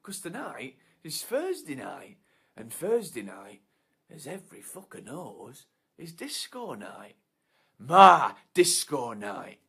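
Brief: actor playing a slow, swearing thug, husky voice, pitch swings wildly. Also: male voice, sing-song, full character voice. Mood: menacing. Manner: swearing, swinging between hushed whispers and shouts. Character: foul-mouthed, menacing male disco obsessive. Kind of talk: short film monologue.

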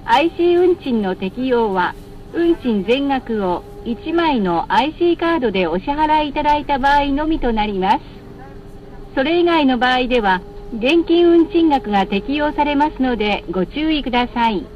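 A woman reads scripted bus stop announcements over the cabin speakers in a formal, polite, carefully enunciated manner. Her high-pitched voice is animated and moderately paced, and the recording sounds muffled, with clear vehicle noise in the background.

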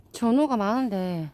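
In a casual foraging vlog, a woman with a Gyeongsang dialect picks wild greens on a steep hillside outdoors and chats playfully to the camera. Her voice is fairly high-pitched with a darkish tone, and she laughs a lot.

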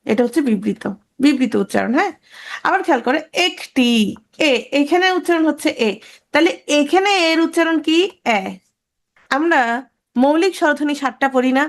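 A woman in her thirties teaches an online grammar class in a high voice. She keeps asking her students questions and then answers them herself. She slows down to repeat the key words.

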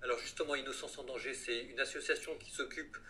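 Bright-voiced priest hosting an interview. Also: male voice, mid-range voice, steady tone, fast talker, slight background noise. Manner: engaged, conversational, asks direct questions. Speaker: priest and host. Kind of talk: interviewing a guest.

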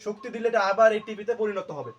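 Male teacher, high-pitched, lecture style, drills terms by asking and answering his own questions. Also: animated, fast talker, muffled recording, slight background noise. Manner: repeats key terms to drill them. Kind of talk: classroom lecture.

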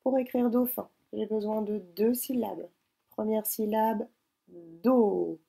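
Slow husky woman teaching spelling. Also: fairly high pitch, steady tone, dark tone. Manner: slow, syllable-by-syllable dictation, repeating words. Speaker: primary school teacher. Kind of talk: recorded spelling dictation lesson. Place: at home.

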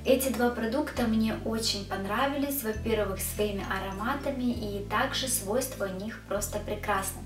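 A woman's voice: fairly high pitch, moderate pace, hardly any pauses, music in the background. A woman reviewing body care products to camera in a chatty way, talking to her viewers as girls. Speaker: beauty vlogger. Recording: echoey room, distant mic.

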